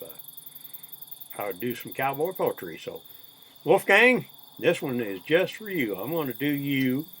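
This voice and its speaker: A video host rambles casually to viewers in a folksy, unhurried cowboy drawl at medium pitch. Steady background noise carries the chirping of crickets.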